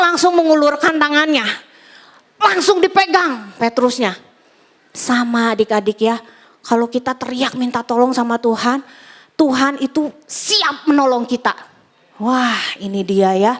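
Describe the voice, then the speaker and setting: A young woman with a high, bright voice leads a children's Bible lesson. She talks to the kids in an animated way and acts out short prayers and story lines as she goes. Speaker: Sunday school teacher.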